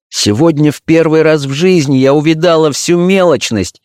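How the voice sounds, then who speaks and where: A man's voice: on the high side, a little mellow, no echo, studio quality, pitched above the performer's own voice. A man reading an audiobook, voicing an ardent, dreamy young actress in love, with impassioned, lyrical delivery.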